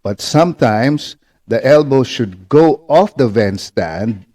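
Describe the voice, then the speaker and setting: A man's voice: mid-range voice, expressive, slow, warm tone. A man giving an instructional demonstration as a teacher, patient and repetitive, often checking in with short tag questions. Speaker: ventriloquism instructor.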